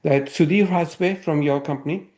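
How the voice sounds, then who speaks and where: Higher-voiced man hosting an interview. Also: moderate pace, dark tone. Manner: thinks aloud with many fillers and restarts. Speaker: podcast host. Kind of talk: casual interview talk.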